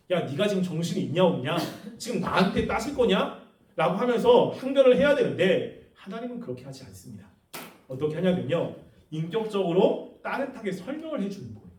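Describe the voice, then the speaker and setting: A man's voice: sits high, a little mellow, far from the mic. A man preaching a sermon as pastor, asking the congregation questions and acting out quoted prayers. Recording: echoey room, voice off the mic.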